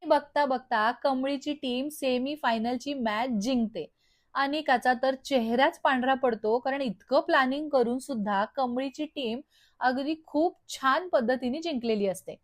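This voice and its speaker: A woman telling the events of a TV serial episode as a steady, scripted recap. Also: high voice, a little slow, no room sound, clean studio sound. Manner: steady storytelling.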